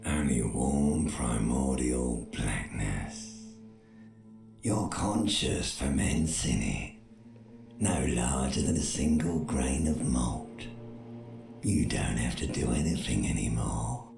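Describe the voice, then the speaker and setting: A man voicing an ancient primal brain in scripted game narration, slow, hushed and coaxing. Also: rumbling low, lively intonation, vocal fry, exaggerated voice. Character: ancient primal male brain voice, seductive and bleak. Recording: echoey game audio over music.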